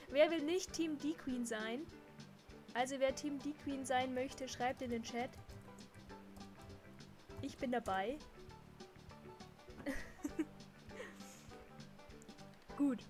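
High-voiced chatty young woman streamer. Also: drawn-out words, pauses often, over music. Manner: chatty, reads chat aloud, laughs often. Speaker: game streamer. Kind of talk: casual livestream chat.

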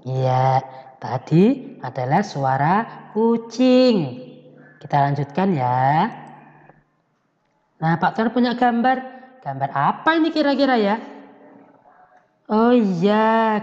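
Very slow sing-song teacher. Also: male voice, high voice, darkish tone. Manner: sing-song, coaxing, asks questions and answers them himself. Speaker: elementary school teacher. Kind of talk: children's language lesson. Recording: echoey, dull lo-fi recording.

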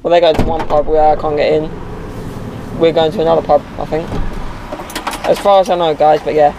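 A young man talks offhand and rambling to a handheld camera from inside a car at night. His voice sits a little high. Steady noise runs behind him. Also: a little fast. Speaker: vlogger. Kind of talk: casual vlog chat. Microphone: handheld action camera at chest level.

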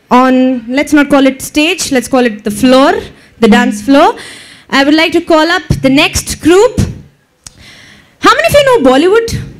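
A woman hosting a live cultural show, bantering and teasing the audience. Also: high-pitched. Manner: lively, teasing crowd banter. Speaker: event emcee. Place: event venue with live audience.

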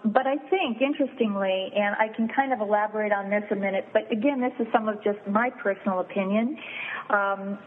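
Woman appraiser, interview guest, measured and explanatory, tinny phone-line sound with light hiss. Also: mid-range voice. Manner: measured, explanatory, lists things step by step. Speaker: fine art and wine appraiser, guest. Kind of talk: interview answers.

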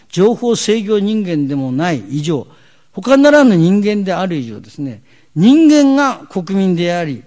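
A man's voice: fairly high pitch, warm tone. A man hosting a televised discussion seminar, lecturing in an emphatic, sardonic style full of rhetorical questions. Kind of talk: televised commentary monologue.

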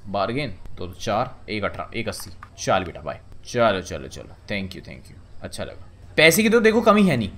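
A man's voice: high voice, a bit bright, a little hiss or hum. A young man giving casual gameplay commentary, joking and chattering to himself and the game as he plays. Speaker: gaming channel host.

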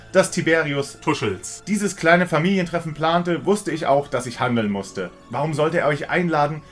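A man's voice: fairly high pitch, natural voice. A man doing a smug female killer. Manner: smug, mocking, coolly theatrical. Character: cold scheming female killer, gloating.

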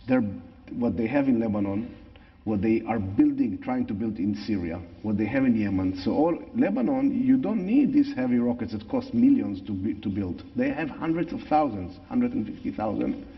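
A middle-aged Israeli tour guide with an Israeli accent speaks as an interview guest, explaining things conversationally in an expressive, fairly low voice at a moderate pace. He's indoors in a large church sanctuary, and the sound is echoey and slightly dull.

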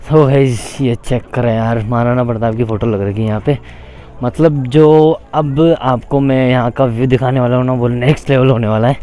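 A young man from India, motovlogging outdoors at night on a clip-on helmet mic, excitable and full of repeated catchphrases. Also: medium pitch, normal speed, faint music behind. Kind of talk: casual vlog narration. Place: outdoors at night, on a motorbike and walking a lit hilltop park. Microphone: clip-on mic under helmet.

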